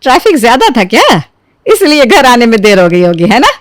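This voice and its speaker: A woman's voice: fairly high pitch, big pitch swings, a little fast. A woman voicing a worried middle-aged mother who frets and scolds her daughter. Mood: coaxing. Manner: fretful, scolding.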